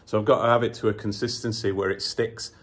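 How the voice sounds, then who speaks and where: A man, filming himself on a phone in an indoor workshop as he builds a kayak, talking in a gushing, emotional way with lots of halting restarts. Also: lowish voice, level tone. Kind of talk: casual selfie vlog. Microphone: phone at arm's length.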